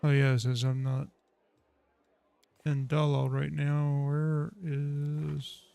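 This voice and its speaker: A man's voice: mid-range voice, flat delivery, slow pace, vocal fry, darkish tone, clear, resonant tone, dry recording. A man streaming a game with casual commentary, hesitantly thinking aloud as he plays, close to the microphone. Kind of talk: casual gameplay commentary, reading dialogue choices aloud.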